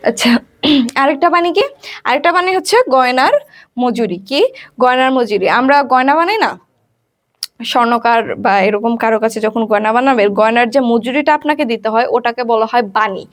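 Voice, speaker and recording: A woman's voice: on the high side, fairly quick. A woman teacher from Bangladesh running an exam revision lesson, asking questions and answering them herself. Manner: quizzing, asks then answers her own questions.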